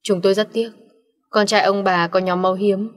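A male hospital doctor reporting in a formal, measured manner, voiced by a woman narrating. The voice stays at a middle pitch. A long reverb washes over the audio. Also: flat delivery, lightly acted. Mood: grave.

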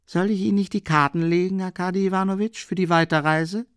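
A man's voice: high voice, fairly even intonation, fast talker, fairly bright tone, clear, resonant tone, no room sound, studio quality, voice pushed up. A man reading an audiobook, voicing a fussy, prim woman who appears as a ghost. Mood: solicitous.

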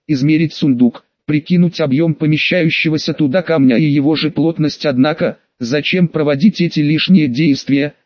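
A man reads an audiobook in a wry, ironic first-person manner. His voice sits a little high for a man. The recording is dry and slightly muffled, as if lo-fi. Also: darkish tone, no room sound. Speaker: audiobook narrator. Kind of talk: scripted narration.

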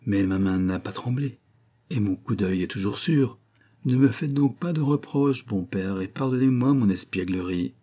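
Heard through a male reader, a mischievous teenage archer pleads and promises with eager warmth. The tone stays low and dark, lightly husky. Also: normal speed, lightly acted. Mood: apologetic. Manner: eager, apologetic, affectionate. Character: spirited teenage male archer, playful and devoted.

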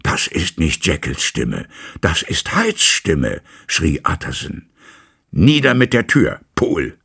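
A man voicing a stern middle-aged male lawyer in a storybook reading, speaking in a raised, commanding, husky voice. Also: a bass voice, sing-song, slow, heavily acted. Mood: alarmed. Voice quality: gravelly, husky. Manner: raised, commanding, forceful when shouting.

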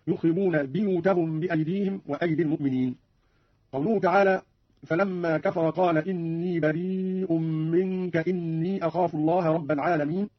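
A man with a husky, fairly high voice explains recitation rules quickly in measured, scholarly phrasing. The recording is dry and dull, with the lo-fi sound of an old radio archive. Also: no room sound. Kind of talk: formal broadcast explanation.

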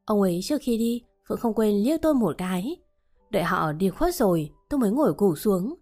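A woman narrating a first-person story in a calm, steady reading voice. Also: mid-range voice, brisk, soft background music.

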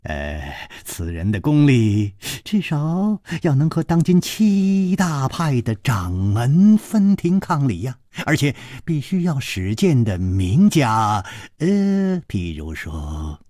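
Li Yuhan, a man doing a smooth-talking scheming host. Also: mid-range voice, big pitch swings, no echo, studio quality. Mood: courteous. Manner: soft, courteous, chuckling, drawn-out. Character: polite scheming young male host, smiling. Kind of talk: traditional storytelling performance.

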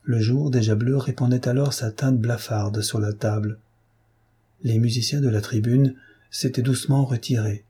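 A male narrator reads a classic novel with a husky, very unclear voice. His tone is dark and mellow. He tells the story at a measured, steady pace. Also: mid-range voice. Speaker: audiobook narrator.

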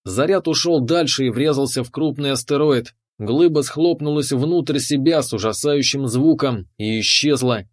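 A man's voice: mid-range voice, moderate pace, few pauses. A man narrating a first-person space adventure audiobook in a tense, dramatic way.

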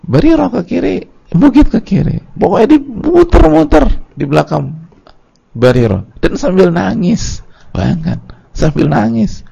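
A man with an Indonesian accent preaching at a religious study lecture, telling a story with lively, acted-out quoted voices. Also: high voice, measured pace, creaky, slightly rough, lo-fi sound. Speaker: Islamic preacher.

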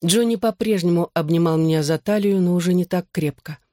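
An earnest audiobook reader narrating a novel in the first person, with an emotional delivery. The voice sits at a middle pitch. The recording is close and dry, with no room sound. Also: a little fast, dark tone, no echo.

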